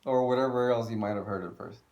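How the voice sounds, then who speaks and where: A man's voice: medium pitch, steady tone, quick pace, a little mellow, muffled recording. A man co-hosting a video channel, ranting casually and bluntly, swearing and repeating himself for emphasis. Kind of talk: casual opinion rant.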